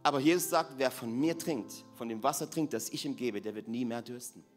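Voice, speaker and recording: A man's voice: medium pitch, a little fast, faint music behind. A man preaching a sermon, dropping to near-whispers and rising to fervent, raised appeals, repeating key phrases for weight. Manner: dramatic swings between hushed and raised voice, repeats phrases.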